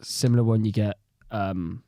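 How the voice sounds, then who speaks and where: A man co-hosts a podcast with a mellow, relaxed tone. He gets excitable, laughs often and acts out his reactions, all on a dry, close mic. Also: fairly low pitch, normal speed, dry recording. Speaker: podcast co-host. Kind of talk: casual chat.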